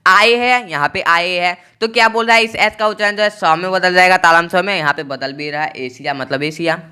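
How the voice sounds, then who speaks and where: A man teaching a pronunciation lesson, spelling out letters slowly and repeating each point. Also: sits high, pushed and bright, clear, resonant tone.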